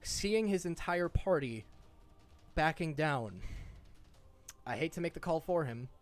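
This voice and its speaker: A man's voice: a little high, lively intonation, a little slow. Man narrating a tabletop game. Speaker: game master.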